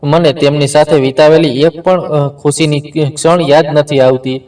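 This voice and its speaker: A man's voice: fairly high pitch, fairly even intonation, normal speed, a little mellow, distant mic, close to an everyday voice. A man voicing a remorseful adult son, pleading and full of regret.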